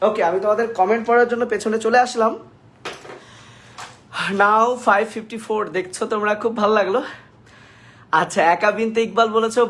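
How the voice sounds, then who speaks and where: A man teaching a live online biology class, chanting lists of terms in a steady rhythm to drill them into memory. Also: high-pitched. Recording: echoey room, distant mic, faint noise.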